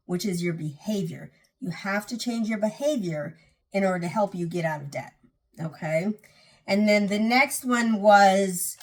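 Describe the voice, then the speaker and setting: A woman vlogger talking casually about getting out of debt. She is earnest, often restarts and repeats phrases for emphasis, and sounds a little tired. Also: medium pitch. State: tired, yawning. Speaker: personal finance vlogger. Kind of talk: casual talk to camera.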